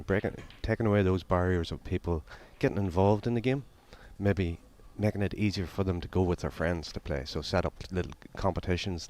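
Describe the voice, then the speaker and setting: Man, very deep voice, guest co-commentator, conversational, matter-of-fact explanations. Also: a little mellow. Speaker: guest co-commentator explaining his own product.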